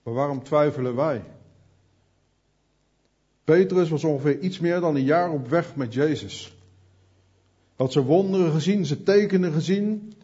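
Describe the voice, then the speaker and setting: A man's voice: a little high, a little slow, long pauses, mellow, husky, dull audio. A man preaching an earnest sermon, speaking directly to his listeners.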